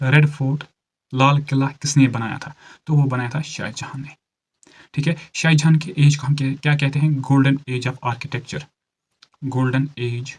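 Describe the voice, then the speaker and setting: A man teaching an exam-prep lesson, speaking slowly and repeating key answers so students can take notes, and quizzing them as he goes. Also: mid-range voice, low-quality recording. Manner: slow and deliberate, repeats key answers for note-taking. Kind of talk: exam-prep lecture mixing Hindi and English.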